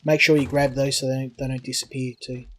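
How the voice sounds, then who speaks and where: A man's voice: medium pitch, level tone, fast, a little hiss or hum. Chatty man talking over a co-op game. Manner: rambling, restarts often, chatty. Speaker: game channel host. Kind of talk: casual co-op gameplay chat.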